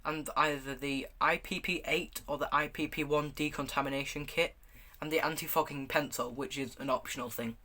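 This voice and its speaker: A man's voice: a little high, steady tone, moderate pace, few pauses, pushed and bright. A man giving a casual, hands-on product review, speaking in a stop-start, hesitant way with repeated words. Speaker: gas mask reviewer. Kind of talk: casual product review, showing items to camera.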